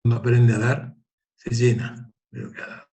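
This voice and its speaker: A man, the guest of an interview, telling a parable and reflecting in an animated, conversational way. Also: medium pitch, normal speed. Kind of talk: conversational storytelling.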